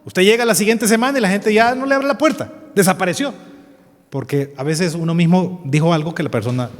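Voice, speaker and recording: A man's voice: high-pitched, fairly quick. A man with a Salvadoran Spanish accent, teaching a Bible study seminar, earnest and repeating key phrases while quizzing the class. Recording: hall with long reverb.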